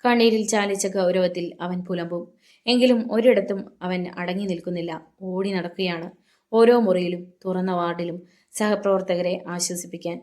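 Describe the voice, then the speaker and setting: A woman reading a thriller novel aloud in measured, dramatic storytelling. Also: on the low side, steady tone, darkish tone. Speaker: audiobook narrator. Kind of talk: scripted audiobook narration.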